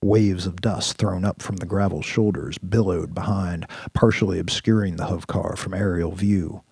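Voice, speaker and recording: A man narrating a sci-fi action story in a steady, vivid storytelling manner. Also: deep voice, moderate pace, vocal fry, husky, no echo, clean studio sound. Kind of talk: audiobook-style story narration.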